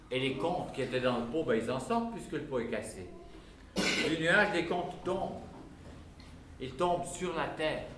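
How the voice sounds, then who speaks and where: A man performing a live show of folk tales, telling them in a lively, playful way. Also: on the high side. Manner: lively, playful, acts out voices. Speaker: storyteller. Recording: echoey live hall, faint noise.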